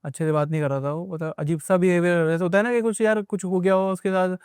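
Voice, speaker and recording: Young male guest, rapid rambling storyteller, clear dry voice. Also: high voice, steady tone, a little mellow, no room sound. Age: young adult. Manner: rambling, repetitive retelling with many asides. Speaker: guest recounting an experience. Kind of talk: casual spoken storytelling.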